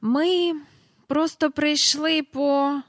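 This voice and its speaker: Plump ceremonious older man voiced by a woman, hurried, raised pitch. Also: steady tone, no echo, clean studio sound. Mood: fussy.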